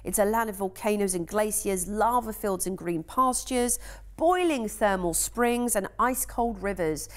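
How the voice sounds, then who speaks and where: A woman's voice: medium pitch, normal speed. A woman with an English accent presenting cruise deals on a shopping channel, chatty and enthusiastic with frequent ums.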